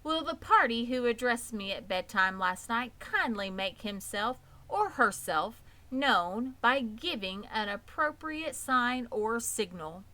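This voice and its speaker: A woman's voice: fairly high pitch, lively intonation, slow, hardly any pauses, sharp tone, pitched above the performer's own voice, full character voice. Woman playing an earnest, polite little boy pig. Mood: loud, formal announcing. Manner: formal, over-polite, earnest. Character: earnest, polite, naive young male pig. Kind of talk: children's storybook reading.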